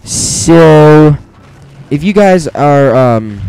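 Slightly high and animated, this teen let's play commentator stretches out his words in a voice that's gravelly and dark yet smooth. He rambles self-deprecatingly with many fillers and restarts into a weak close-range mic, giving a dry but poor recording with soft background music.

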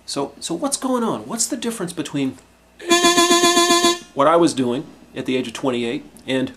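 A middle-aged man teaching a harmonica lesson, explaining in a calm, reflective way with frequent restarts. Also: medium pitch, moderate pace, loud music behind the voice. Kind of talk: instructional video lesson.

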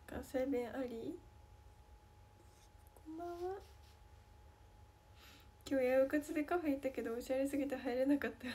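High-voiced playful Kansai woman. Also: moderate pace, pauses often, dark tone. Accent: Kansai Japanese. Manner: playful, chatty, reads comments aloud and answers. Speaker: idol livestreamer answering fan comments. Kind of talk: casual livestream chat.

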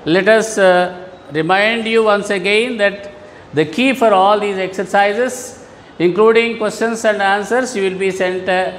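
A man teaches young pupils in an online lesson, his voice fairly high and his delivery unhurried. He patiently repeats and rephrases each word, and the room rings with a long echo over a faint hum. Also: a bit bright. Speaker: school English teacher. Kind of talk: online classroom lesson for children.

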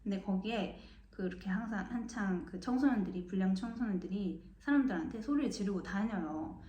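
With a mellow, mid-range voice and a slightly quick pace, this young woman from Mokpo, South Korea, vlogs casually in an echoey room. She narrates a story, performing the voices of those she quotes.

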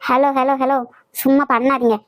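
A woman's voice: sits high, flat delivery, moderate pace, no room sound, lightly acted. A woman voicing a spirited young woman in a cartoon, with a Kanyakumari Tamil accent. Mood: lively. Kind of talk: cartoon voice acting.

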